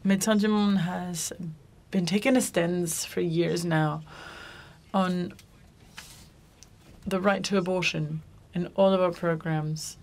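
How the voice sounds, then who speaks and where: In a conference room, a woman runs a panel discussion, her speech loose and full of self-corrections and restarts. She speaks slowly in a low, steady, darkish voice.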